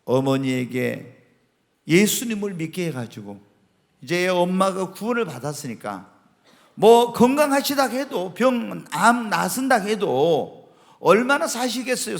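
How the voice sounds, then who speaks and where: A man preaching in a church sanctuary, emphatic and fond of putting questions to his listeners. His voice sits fairly high for a man. It trails off into a long hall reverb. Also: sing-song, measured pace, gravelly. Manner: emphatic, asks the congregation questions, reads scripture aloud. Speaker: senior pastor. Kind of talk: sermon.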